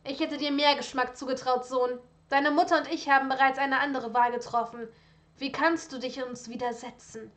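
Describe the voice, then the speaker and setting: A cold, disdainful aristocratic father, read by a woman in a storybook reading. He speaks in a hushed, breathy sneer, with a fairly high pitch. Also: steady tone, normal speed, close to an everyday voice. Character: haughty older aristocratic father, contemptuous and cold.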